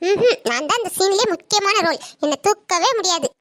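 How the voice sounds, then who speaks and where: A woman's voice: very high voice, lively intonation, a little fast, a bit bright. A woman voicing a cheeky young woman in a cartoon family skit who teases her relatives and meddles in their talk. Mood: teasing. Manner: teasing, chatty.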